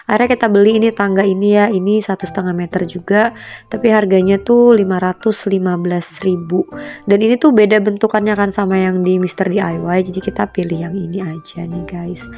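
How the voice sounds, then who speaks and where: Speaking briskly in a steady, dark mid-range voice, this young woman vlogs about her home, stuffy-nosed from a cold. She's a chatty homemaker who leans on fillers such as "gitu" and "guys," with faint music playing behind her.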